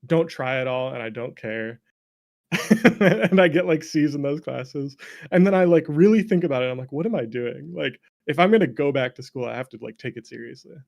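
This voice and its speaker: A game developer in his late 20s to early 30s, with a North American accent, tells stories casually as an interview guest, self-deprecating, swearing freely and laughing easily. His mid-range voice is brisk and darkish, with vocal fry.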